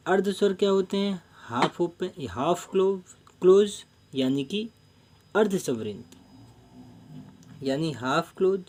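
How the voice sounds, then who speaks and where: Hindi grammar teacher, patient and repetitive. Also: male voice, fairly high pitch, a little mellow. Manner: explains slowly, repeats terms, keeps addressing friends. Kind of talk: exam-prep grammar lesson.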